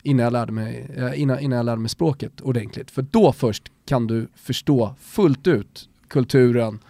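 A man's voice: medium pitch, dark tone, no room sound, studio quality. A man talking earnestly in a casual podcast chat, explaining his view as a guest.

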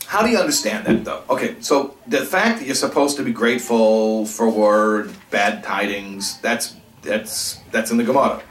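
A man teaching a religious class, lively and thinking aloud, acting out examples as he goes. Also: fairly low pitch, moderate pace. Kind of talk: Torah class lecture. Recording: echoey room, from a distance.

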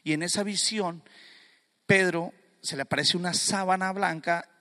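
A man preaching with a high, bright, forceful voice. His delivery is fervent and builds to loud emphasis. His words ring with the long reverb of a church hall. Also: fairly even intonation, normal speed. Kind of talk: sermon.

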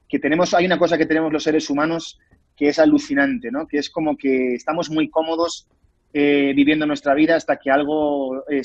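A man speaking with a Spanish accent from Spain, an actor chatting in an interview. His voice sits somewhat high for a man, and he keeps circling back with restarts. The sound is dull and dry, with a muffled top end and almost no room around it. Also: dry recording. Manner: animated, rambling with many restarts. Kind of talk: casual interview conversation.

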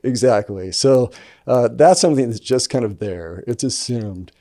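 A man, a pastor, talking in a relaxed, affirming, conversational way in a casual church podcast discussion. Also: mid-range voice, moderate pace.

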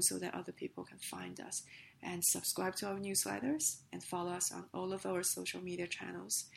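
Lady podcast host reading news, super gravelly croaky sick voice, bit of background noise. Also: on the low side. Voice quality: rough, gravelly voice. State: hoarse with a sick, coughing voice. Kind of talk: scripted business news reading.

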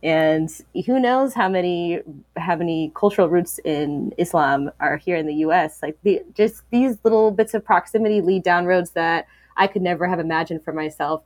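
A woman's voice: lowish voice, moderate pace, a little mellow, dry recording, clean studio sound. A woman speaking as an interview guest, talking candidly and reflectively, with many fillers and restarts.

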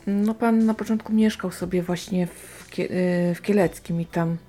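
A woman from Silesia gives casual, unscripted book commentary, thinking aloud with hesitant, drawn-out pauses. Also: mid-range voice, fairly even intonation, dark tone, soft background music. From Silesia, Poland. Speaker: book reviewer.

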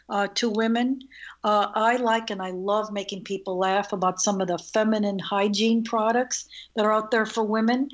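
An older woman talking as an interview guest, a lively storyteller who often breaks into laughter. Her voice sits at an ordinary middle pitch for a woman. She speaks with easy conversational energy. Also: highs cut off. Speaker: guest, investor.

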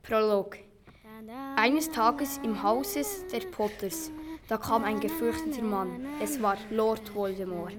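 A woman's voice: fairly high pitch, lively intonation, slow pace. A woman reading out credits and narration in a plain read-aloud manner. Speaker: announcer and narrator. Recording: very hissy, clicky amateur recording.

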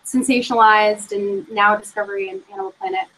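A woman co-hosting a podcast, chatting casually and fast, with lots of "like" and "you know". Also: medium pitch, expressive, a bit bright, slight background noise, rough recording. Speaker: podcast co-host. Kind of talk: casual chat.

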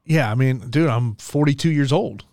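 A man in his forties co-hosting a podcast, chatting in a chummy, animated way and often repeating himself. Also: medium pitch, moderate pace. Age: 40s. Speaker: podcast co-host. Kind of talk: casual sports chat.

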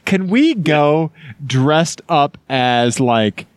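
A man with a Missouri twang co-hosts a casual podcast in a somewhat high voice. He chats in a jokey way, and the sound is dry and close. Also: animated, very slow, no room sound. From Missouri, United States. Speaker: podcast co-host. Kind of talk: casual chat.

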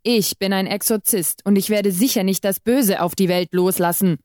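A woman's voice: medium pitch, moderate pace, a little mellow, no echo, studio quality, close to an everyday voice. A woman voicing a deranged man posing as an exorcist priest, fanatical and menacing, who snaps his accusations. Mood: fanatical menace. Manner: snapping, zealous.

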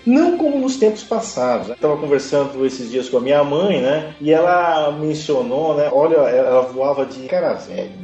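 Chatty man, mellow echoey voice. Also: fairly high pitch, moderate pace, few pauses, dull audio. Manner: chatty, animated anecdotes, frequent tag questions and laughs. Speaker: podcast guest, private pilot. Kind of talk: casual storytelling chat. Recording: echoey room, faint background music.

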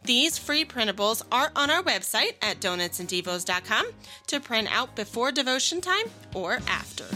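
A woman's voice: on the high side, very animated, normal speed, music in the background. A woman hosting a children's devotional podcast, speaking sweetly and patiently like a Sunday school teacher who explains things simply.

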